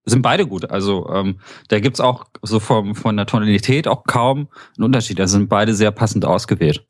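A man's voice: on the low side, normal speed, no echo, clean studio sound. A man chatting casually on a gaming podcast, enthusiastic and full of hesitations. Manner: enthusiastic, hesitant with many fillers.

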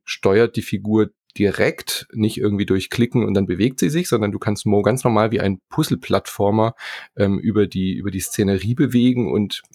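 A man from southern Germany with a slight Swabian accent, hosting a casual podcast chat about games and often pausing with fillers and restarts. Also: lowish voice, darkish tone, no room sound, studio quality. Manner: hesitant, many fillers and restarts.

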